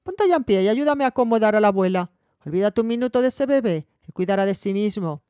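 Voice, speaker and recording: No-nonsense farm mother, brisk, scolding, higher voice, read by a woman. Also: expressive, mellow, smooth, no echo, clean studio sound, lightly acted. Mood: firm.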